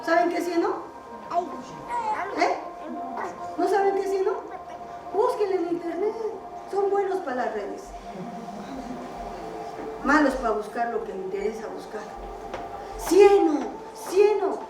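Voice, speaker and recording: A woman's voice: very high-pitched, a little slow, long pauses. A woman preacher telling a Bible story to her congregation in a sermon, often stopping to quiz them with questions. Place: church meeting hall. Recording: echoey hall, distant mic, music behind.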